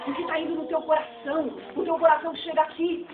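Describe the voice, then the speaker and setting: A woman's voice: high-pitched, level tone, fast talker. A Brazilian woman with a Brazilian Portuguese accent, preaching a fervent, emphatic sermon to a church fellowship. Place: church hall. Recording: tinny, distant, echoey church recording.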